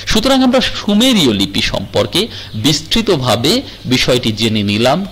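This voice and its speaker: A man's voice: mid-range voice, a bit bright, rough recording. A male teacher giving a recorded lecture, explaining step by step, often checking with the class and mixing in English terms.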